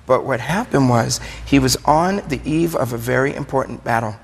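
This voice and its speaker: A gravelly, mid-range male voice at a moderate pace belongs to a wine shop owner from Brooklyn, heard as an interview guest. He's conversational, chatty, and eager as he explains, while the recording carries a long, hollow reverb.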